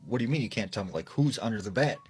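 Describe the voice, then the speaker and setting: A man's voice: fairly low pitch, expressive, racing, a little mellow, faint music behind, close to an everyday voice. A man voicing a frightened mother of a young boy, anxious and pleading. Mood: alarmed.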